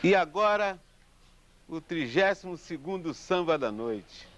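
A samba composer with a Brazilian Portuguese accent tells a story casually and animatedly, acting out its characters in a higher-pitched voice at a measured pace. The lo-fi recording sounds dull, with faint guitar and a little hiss or hum.

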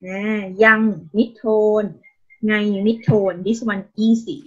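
A woman's voice: medium pitch, fairly even intonation, very slow, slightly rough, dull audio. A woman with a Thai accent teaching a language class over a video call, patient and encouraging with constant praise and polite particles. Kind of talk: online Thai lesson, mixing Thai and English.

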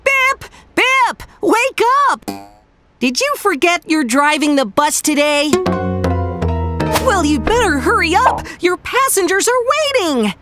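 Kids' cartoon: an upbeat panda teacher, slow and animated, asks viewers questions, music under. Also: male voice, very high-pitched, heavily acted. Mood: cheerful. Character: kindly panda doctor teacher, patient and upbeat. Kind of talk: children's cartoon narration. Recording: voice over loud background music.

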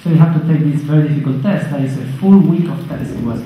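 A man's voice: fairly high pitch, fast talker, mellow. Argentine man lecturing in an echoey hall. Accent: Argentine Spanish. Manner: friendly, joking with the audience. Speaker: guest speaker. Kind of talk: lecture talk. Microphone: handheld mic. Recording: very echoey hall, dull sound.

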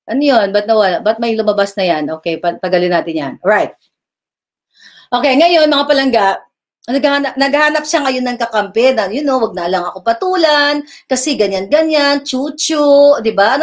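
A woman hosting a live stream, mocking and heated, swinging between loud outbursts and low asides. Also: lively intonation, moderate pace. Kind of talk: combative live-stream rant.

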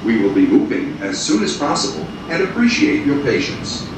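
A man's voice: wildly swooping pitch, creaky. Man announcing over a train intercom. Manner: formal, polite, measured. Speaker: transit announcer. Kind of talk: recorded public announcement. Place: inside a light rail car. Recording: echoey distant train loudspeaker with rumble. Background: train noise and air conditioning.

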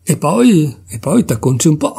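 A man's voice: fairly high pitch, very animated, moderate pace, creaky, dark tone, slightly rough, heavily acted. A man reading aloud voices a tired, anxious older mother who pleads with her daughters. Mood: weary.

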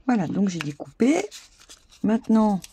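Slow, gravelly-voiced woman crafting. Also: mid-range voice, big pitch swings, mellow, slight background noise. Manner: chatty, talks while working, many fillers. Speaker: crafting video host. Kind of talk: casual crafting tutorial.

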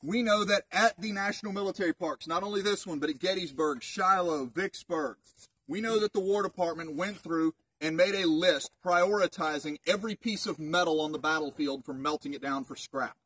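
A camera several metres off catches a thirties-aged park ranger chatting through local history with a group in open woodland, firing off rhetorical questions. His voice is a little high and fairly bright with a husky texture, at normal speed, on a distant outdoor mic.

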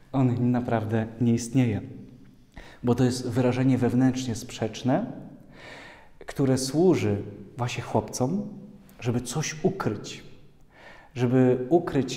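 A priest giving a lively sermon to young people, telling stories and jokes. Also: male voice, medium pitch. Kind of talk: sermon to a youth community. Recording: echoey hall.

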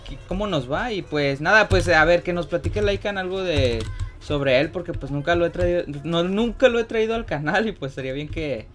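A young man talks through a game in loose, chatty commentary, swearing freely. His voice sits a little high for a man. Faint music and keyboard clicks run under him. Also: animated, moderate pace, a bit bright. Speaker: gaming YouTuber host. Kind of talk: casual gaming commentary.

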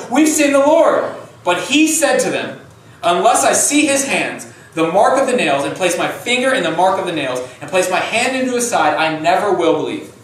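A man with a high voice preaches a lively sermon, acting out scripture figures in casual, chatty voices. He sinks to quiet, low tones when his story turns personal. He is heard from a distance in a very echoey church hall. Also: a little hiss or hum. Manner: animated, acts out Bible figures in casual voices. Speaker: pastor. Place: church sanctuary.

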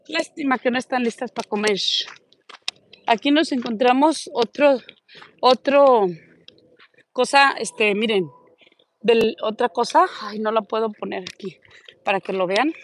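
A woman chatting casually into her phone while she walks outdoors, and she coos in a high voice at the dogs she passes. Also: a little slow, long pauses, slight background noise. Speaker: vlogger. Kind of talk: casual walking vlog. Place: outdoors on a neighborhood street. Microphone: phone held while walking.

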